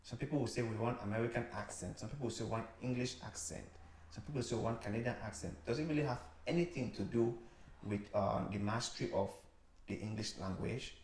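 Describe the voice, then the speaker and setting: A man with a Cameroonian accent hosts a studio interview on a small living-room set indoors, leading the talk with probing questions. His mid-range voice is quick and darkish, with a reverberant sound and a little hiss or hum.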